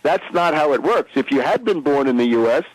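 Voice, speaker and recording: A man hosts a radio interview and puts his questions in a measured, halting way. His voice sits a little high. The sound is dry and close, with no room around it. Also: expressive, no echo, poor audio. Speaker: radio host.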